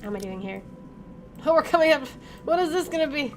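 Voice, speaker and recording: A woman plays through a visual novel, reading the narration aloud and reacting informally as she goes. Her voice sits high, with lively intonation and a fast pace. Game music plays behind her, and there's a little hiss or hum.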